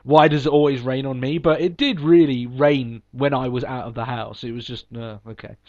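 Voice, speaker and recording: This man hosts a podcast while sniffly with a cold, chatting in an upbeat, meandering style with frequent ums and restarts. His medium-pitched, slightly mellow voice stays fairly even at a normal speed, and the recording sounds dull and lo-fi.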